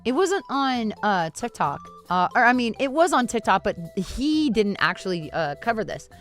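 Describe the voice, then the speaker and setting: A woman livestreamer reacts to a video in a very animated, high-leaning voice, with faint music in the background. Her commentary is casual and slangy, full of informal talk and drawn-out, amused exclamations.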